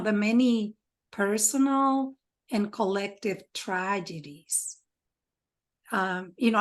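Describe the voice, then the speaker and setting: A woman hosting an interview speaks at an unhurried, measured pace. She pauses often and reflects as she goes, and her voice is choked up with emotion. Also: mid-range voice. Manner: slow and reflective, with soft fillers. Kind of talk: conversational interview.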